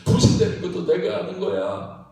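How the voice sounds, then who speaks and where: A man's voice: lowish voice, big pitch swings, moderate pace, mellow. A male pastor preaching a sermon in a church sanctuary. He speaks emphatically, repeats his points and laughs between phrases. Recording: echoey church hall, mic at a distance.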